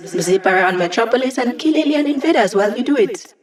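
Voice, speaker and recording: A woman voices a wry, brainy digital hacker, a holographic young woman who serves as the squad's tech support in a video game. Her delivery is expressive, fairly quick, and a little high, close to her everyday voice, with a playful, upbeat mood.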